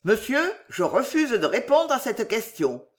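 A woman voicing a dignified old gentleman in an audiobook, firm, formal and courteous. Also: on the high side, very animated, a little slow, voice pushed up. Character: dignified elderly gentleman philosopher, earnest. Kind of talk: audiobook character reading.

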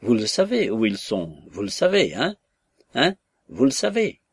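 A blustering, badgering old-regime nobleman from a storybook reading, acted by a man in a husky voice. He hammers his points home, rising in pitch as he insists, with a dry close sound. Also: wildly swooping pitch, measured pace, no room sound, exaggerated voice. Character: blustering, pushy reactionary nobleman.

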